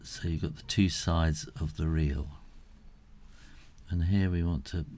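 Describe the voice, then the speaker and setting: Speaking low and steady with a slightly mellow tone, a middle-aged man leads a relaxed, step-by-step drawing lesson, taking his time and musing aloud as he draws.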